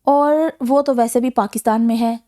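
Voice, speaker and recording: A woman voicing a calm young man from a novel who hides his worries, patient and reassuring. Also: very high voice.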